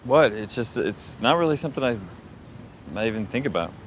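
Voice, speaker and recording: A man's voice: mid-range voice, expressive, brisk, a little hiss or hum, close to an everyday voice. An actor in his thirties playing an evasive, dryly sarcastic bartender. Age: 30s. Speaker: burnt-out bartender. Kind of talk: film dialogue.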